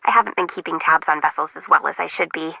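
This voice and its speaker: A woman's voice: low-pitched, quick pace, gravelly, sharp tone, no room sound, full character voice. A woman voicing a quirky young female harbor intern in a game, rambling and joking at her own expense, with a muffled, lo-fi sound. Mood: chatty. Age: young adult. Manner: rambling, joking, self-mocking.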